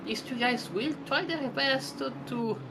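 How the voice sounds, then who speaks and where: A woman giving live sim racing commentary, chatty and rambling, breaking into excited exclamations. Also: high voice, slow, gravelly, background noise.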